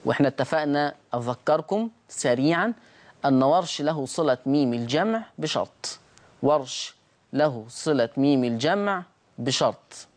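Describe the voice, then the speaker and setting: A man's voice: on the high side, animated. Egyptian man teaching Quran recitation. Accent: Egyptian Arabic. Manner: asks students' questions himself, then answers them; stretches out words slowly to show how they are said. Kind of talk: recorded tajweed lesson with on-screen slides.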